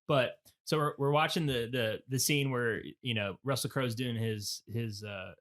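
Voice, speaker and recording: A man in his thirties, a podcast co-host, telling a lively story in casual chat, acting out the lines he quotes and swearing freely. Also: mid-range voice, normal speed.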